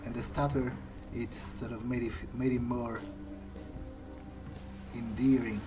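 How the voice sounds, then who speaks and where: Over music and video game ambience, a gamer stays in character and hesitantly talks through his thoughts as he plays. He speaks unhurriedly in a flat, mid-range voice, and the audio is noticeably noisy.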